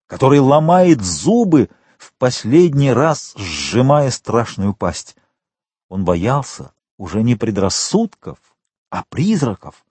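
A man narrating an audiobook in a dramatic, expressive reading. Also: on the low side, husky, no room sound.

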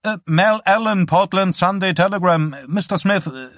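A man's voice: high voice, normal speed, fairly bright tone, no room sound, clean studio sound, voice pushed up. A man voicing an eager male newspaper reporter asking a hesitant question.

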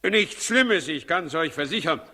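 Imperious scheming king, high voice, wildly swooping delivery, theatrical, vintage radio drama, long hall reverb. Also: animated, unhurried, bright, forceful tone, full character voice. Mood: shaken. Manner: theatrical, swinging from feigned politeness to outbursts. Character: agitated, scheming King Herod, volatile and imperious. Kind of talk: 1960s German radio play acting.

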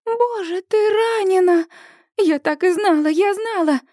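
A woman reading an audiobook, voicing an emotional young woman friend who calls out in a shrill, breathless voice. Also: measured pace, warm tone, dry recording, studio quality. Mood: tearful, relieved.

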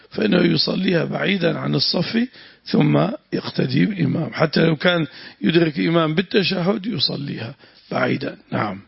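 A man teaching religious commentary in a traditional lesson, speaking deliberately and repeating phrases for his students. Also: on the high side, dry recording. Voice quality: very gravelly, husky voice. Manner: deliberate, repeats phrases, adds short prayers. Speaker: sheikh teaching Quran commentary. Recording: dull, dry lo-fi room recording.

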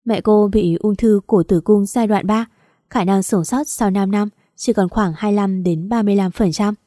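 A woman voicing a middle-aged male doctor who talks in a brisk, stern way. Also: mid-range voice, fairly even intonation, dark tone, no room sound, studio quality, lightly acted. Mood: matter-of-fact.

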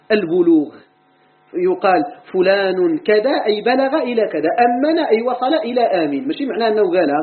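A man's voice: sits high, roomy sound, phone-quality sound. A man with a Moroccan Arabic accent who teaches Quran commentary, explaining a text and asking questions he answers himself. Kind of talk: religious lesson explaining a text.

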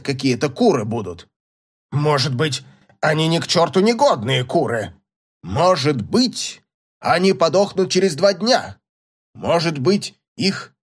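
A man's voice: fairly high pitch, slightly rough, heavily acted. A haughty old professor who snaps and scoffs, irritable and scornful toward anyone who bothers him, as a male narrator does his voice. His speech rises and drops sharply from line to line, as in a storybook read aloud.

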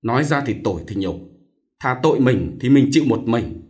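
A man's voice: mid-range voice, lively intonation, brisk, a little mellow, natural voice. A man voicing a distressed young married woman, an elder sister who pleads and weeps. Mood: tearful. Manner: tearful, pleading.

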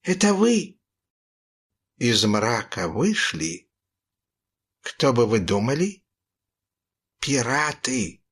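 A man reading a children's story aloud in a slow, expressive way. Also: medium pitch, breathy edge. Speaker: narrator.

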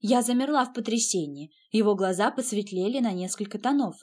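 A woman narrating a first-person audiobook in a steady, even reading voice. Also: mid-range voice, a little fast.

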